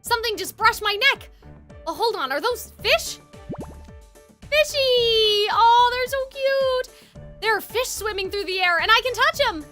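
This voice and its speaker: A woman voicing an excitable, friendly young schoolboy in a game, gushing and eager. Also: very high-pitched, a little fast, faint music behind, voice pushed up, full character voice. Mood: excited, delighted.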